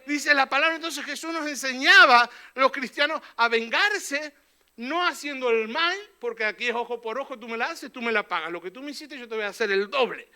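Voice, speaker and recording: A male pastor delivers a fervent sermon in church. His voice is extremely bright and sharp, and his pitch sits very high for a man. He keeps checking in with his listeners through short questioning tags. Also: brisk, smooth.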